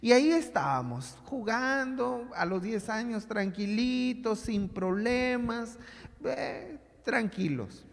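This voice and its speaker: A man's voice: extremely high pitch, animated, slow pace, creaky. A man preaching a sermon as a pastor, telling a childhood story and acting out the voices in it. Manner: storytelling, acts out voices of his mother and himself as a child. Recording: long hall reverb.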